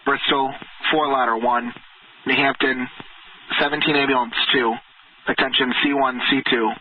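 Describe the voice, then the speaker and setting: Male radio dispatcher, mid-pitched, clipped and procedural, on a thin channel with clicks. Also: fairly even intonation, moderate pace. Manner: clipped, procedural, repeats back messages. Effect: two-way radio. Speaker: fire dispatcher. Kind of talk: formal radio dispatch announcements. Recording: tinny radio channel, faint noise, clicks.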